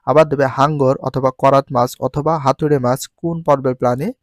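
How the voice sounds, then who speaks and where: A male teacher with a Bangladeshi Bengali accent, drilling textbook science terms by asking questions and repeating each answer slowly. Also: mid-range voice, steady tone, no room sound. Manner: mixes English words into his teaching.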